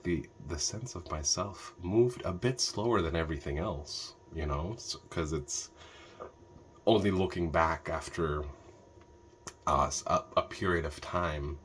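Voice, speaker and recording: An Ethiopian meditation teacher gives a reflective talk, thoughtful and hesitant, full of fillers and restarts. He has a low voice with a fairly bright tone, and a little hiss or hum is audible.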